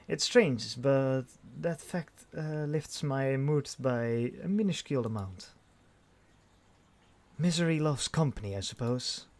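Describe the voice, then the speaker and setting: A man's voice: medium pitch, slow pace. A man reading a visual novel aloud in first person, with dry delivery and frequent restarts. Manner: dry narration with restarts and sighs.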